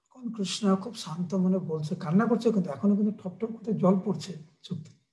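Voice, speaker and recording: Animated high-voiced male preacher. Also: quick pace. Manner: animated, dramatic retelling. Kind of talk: devotional storytelling sermon.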